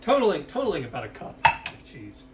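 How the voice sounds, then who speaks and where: A swearing, rambling man talks through a home cooking session with plenty of "uh"s, his voice sitting a bit high. The sound is roomy and a little off-mic, with faint music underneath. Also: wildly swooping pitch, a little fast, far from the mic, very noisy. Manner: profane and rambling, with many fillers. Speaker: cooking show host. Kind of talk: casual cooking vlog chat. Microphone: headset.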